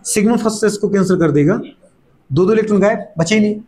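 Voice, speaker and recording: A man with a high-pitched voice lecturing a chemistry class. He talks in quick bursts, repeats his own catchphrases, throws out questions and teases students who get things wrong. He often answers for them in a mock student voice. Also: mellow. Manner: playful scolding, voices students' replies. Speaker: chemistry teacher.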